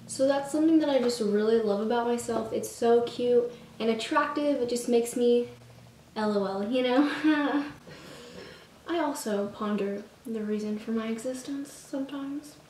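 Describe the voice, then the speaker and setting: A woman's voice: fairly high pitch, moderate pace, mellow, recorded from a distance, slight background noise. Chatty teenage girl in a roomy room. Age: teens. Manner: bubbly, chatty, self-mocking asides. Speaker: vlogger. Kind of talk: casual try-on haul chat. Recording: roomy sound from off the mic.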